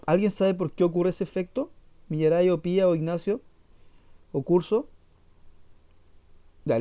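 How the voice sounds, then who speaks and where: A man's voice: high voice, dark tone. A man teaching an English class, explaining patiently and repeating himself with fillers. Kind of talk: online class lesson.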